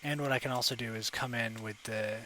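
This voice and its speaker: A young man with a bright, forward voice talks casually through a live sculpting stream, narrating each step as he works. He rambles and corrects himself with plenty of ums, speaking into a desk mic with a faint hum of room ambience behind him. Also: mid-range voice, steady tone, brisk, poor audio. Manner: rambling, thinking aloud with many fillers and self-corrections. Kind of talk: casual live tutorial commentary. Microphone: desk microphone.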